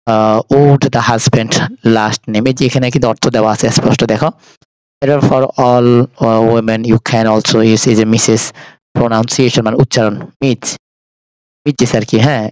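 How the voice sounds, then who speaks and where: A man with a Bangladeshi accent talks his students through a textbook English lesson, pausing often to hesitate. His voice sits at a middle pitch for a man and sounds dry and close. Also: darkish tone, no echo, rough recording. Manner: explains English phrases in Bengali, with frequent hesitations. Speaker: teacher.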